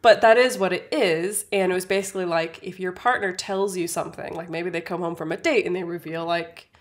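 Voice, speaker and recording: A woman's voice: lowish voice, fairly even intonation, brisk. A young adult woman co-hosting a podcast in casual chat, talking in a chatty way full of fillers. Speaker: podcast co-host.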